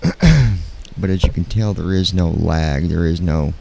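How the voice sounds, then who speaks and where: A man live-streaming in casual, halting talk, keeping his voice quiet at night so as not to wake anyone. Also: low-pitched, vocal fry. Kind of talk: casual chat, flight sim livestream. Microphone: handheld studio microphone.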